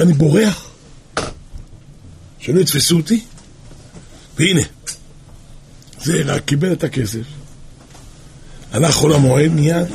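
High gravelly male preacher, dramatic storyteller, faint hiss. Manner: dramatic storyteller, shouts and drops to near whisper.

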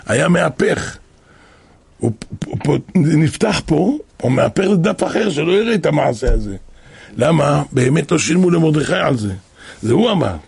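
A man preaching a religious story in a dramatic way, acting out voices and breaking into shouts, with a very husky, gravelly voice. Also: fairly high pitch, lively intonation, dry recording. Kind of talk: animated storytelling sermon.

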